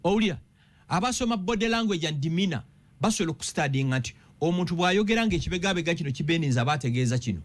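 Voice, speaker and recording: Racing through his points, this Ugandan man talks politics on a radio talk show as a commentator, lively and relentless with his rhetorical questions. His pitch sits on the high side.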